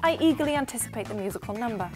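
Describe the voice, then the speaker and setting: Woman co-host with a high, bouncy voice, playful and jokey scripted preview read. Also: animated, very fast, faint music behind. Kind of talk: scripted film preview narration.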